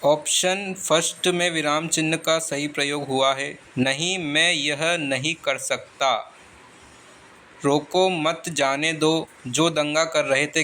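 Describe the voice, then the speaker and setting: Slow, bright-voiced male tutor. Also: a little high, slight background noise. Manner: slow, deliberate reading of options. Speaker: exam tutor. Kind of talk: reading exam questions and answers.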